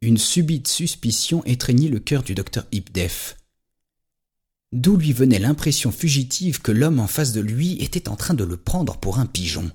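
A man's voice: mid-range voice, sing-song, moderate pace, darkish tone, breathy edge. A man narrating a story in an audio drama. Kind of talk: scripted narration.

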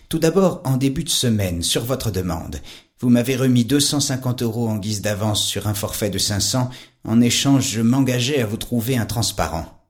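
An actor playing a calm, patient private detective in an audio drama. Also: male voice, on the low side, natural voice. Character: odd private detective, calm, faintly sad man.

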